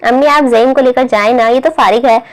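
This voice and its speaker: A lazy young man, read by a woman, brushing things off in an offhand, dismissive way. The voice stays a touch high. It is a storybook reading. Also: brisk, lightly acted.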